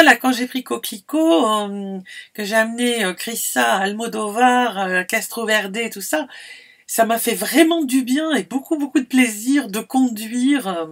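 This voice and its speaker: A fairly high-voiced middle-aged woman from France chats casually to camera from inside her camper van. She rambles along with plenty of fillers and restarts. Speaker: vlogger.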